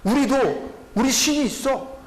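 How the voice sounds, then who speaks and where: A man's voice: very high voice, a little slow, big-room sound, a little hiss or hum, voice pushed up, low-quality recording. A pastor acting out a defiant, arrogant king who brushes off a challenge with scorn. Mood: scornful. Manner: brash, scornful taunting.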